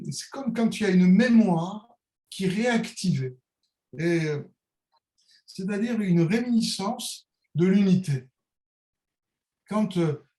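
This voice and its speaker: A man's voice: high-pitched, mellow. Musing Niçois man in an echoey room. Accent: Niçois French. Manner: searching, hesitant, philosophical, with many fillers and restarts. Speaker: calligrapher, interview guest. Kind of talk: reflective conversational monologue.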